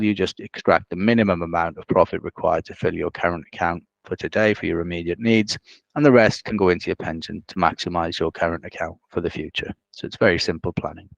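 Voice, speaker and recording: Deep-voiced man presenting on a video call. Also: no echo. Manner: measured, explanatory, businesslike. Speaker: financial adviser.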